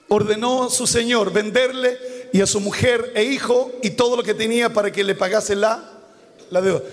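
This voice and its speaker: A high-pitched man preaches, reading scripture aloud and repeating phrases for weight. He breaks into animated, loud impressions of the people in the story. His voice carries a long reverb, as in a large hall. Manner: animated, acts out Bible characters with sudden loud exclamations; reads scripture verse by verse and repeats key phrases for emphasis. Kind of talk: sermon.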